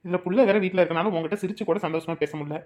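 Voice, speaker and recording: Woman voicing a fast-talking husband. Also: lowish voice, a little mellow, lightly acted. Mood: teasing. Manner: teasing, then scolding in bursts. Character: bickering middle-aged village husband and father.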